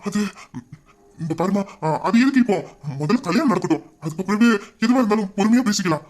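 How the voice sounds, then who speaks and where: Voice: mid-range voice, expressive, a little mellow, lightly acted. A performer playing an older, fatherly widower who soothes a young woman and confesses with grief, in an audio drama. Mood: evasive. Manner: soothing, pleading, slowing into grief. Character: older man, doting fatherly widower, guilt-ridden. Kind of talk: Tamil audio drama acting.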